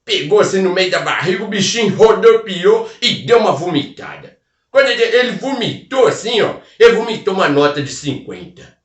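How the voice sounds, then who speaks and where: Here the caipira storyteller's voice sits high, lively in intonation and fairly quick, as he meanders through a funny country yarn in a Minas Gerais accent, full of rural exclamations and side remarks. The sound is roomy, picked up from afar.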